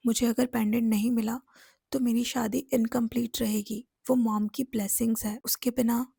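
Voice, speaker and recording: A playful young bride speaks in a fairly high, husky voice with a mellow, dark tone, as a woman reads her lines aloud. She sounds light and teasing, like a storybook heroine. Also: flat delivery, moderate pace, no echo, clean studio sound. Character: cheerful young bride Ana.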